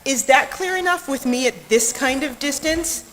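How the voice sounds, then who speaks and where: During a sound check on a hissy live stream, a bema team member tests the podium microphones, sometimes speaking off mic or from a distance. Her high, slightly bright voice moves at normal speed, and faint music can be heard behind her.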